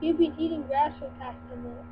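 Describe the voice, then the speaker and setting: A young woman reading dirty jokes aloud in a halting, giggly way, on a lo-fi home recording with hum. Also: high voice, steady tone.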